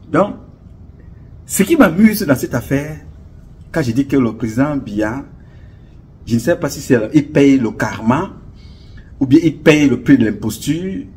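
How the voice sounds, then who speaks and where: A husky, slightly mellow mid-range male voice carries a Cameroonian French accent. He is an online commentator in a casual monologue, impassioned and preachy, rambling and going over the same points again.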